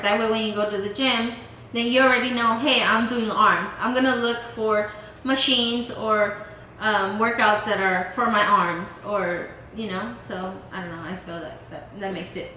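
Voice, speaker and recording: Bright-voiced woman in her twenties, echoey room. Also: medium pitch, steady tone, normal speed, hardly any pauses, slight background noise. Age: 20s. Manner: casual, many fillers like "um" and "like". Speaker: vlog host. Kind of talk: casual Q&A chat. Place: indoor lounge room.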